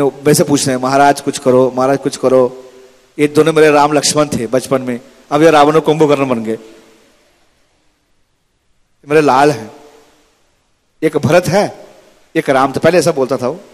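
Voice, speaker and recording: A man giving a sermon in a temple hall, telling stories with acted-out dialogue. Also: mid-range voice. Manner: dramatic storytelling with acted-out dialogue. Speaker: preacher.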